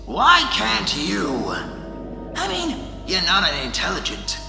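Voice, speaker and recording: Wildly swinging, manic Joker villain. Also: male voice, high voice, wildly swooping pitch, takes it slowly, creaky, heavily acted. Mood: unhinged, confessional, then ranting, manic. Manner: theatrical, swinging between mutters, shouts and cackles. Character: manic, taunting, theatrical male clown-like villain. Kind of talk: amateur radio drama acting. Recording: echoey reverberant drama mix, loud music bed. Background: loud music, rain.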